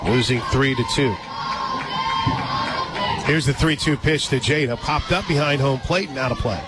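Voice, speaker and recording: A man calls a sports game live on the radio from an outdoor ballpark booth, mixing play-by-play with conversational asides. His voice is medium-pitched and moves at a normal speed. Heavy background noise comes from a loud crowd and music behind him.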